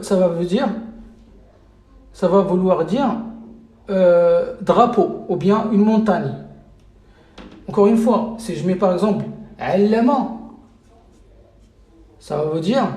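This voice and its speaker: A man's voice: high voice, dark tone, reverberant. A man teaching a live online lesson as an Arabic teacher, hesitant with many fillers and repeated checks that listeners follow.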